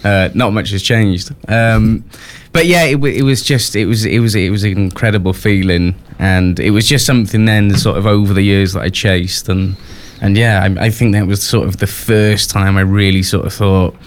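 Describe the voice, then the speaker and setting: A man's voice: lowish voice, fairly even intonation, normal speed, hardly any pauses. A young Welsh man from West Wales, a musician guest on a radio show, talking casually with many restarts and fillers.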